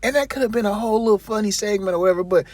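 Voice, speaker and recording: A man's voice: high voice, racing, a little mellow, no echo. A man giving casual commentary on his channel, talking straight at the person he criticizes and calling him bro in a rambling, exasperated way. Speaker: vlogger commentator.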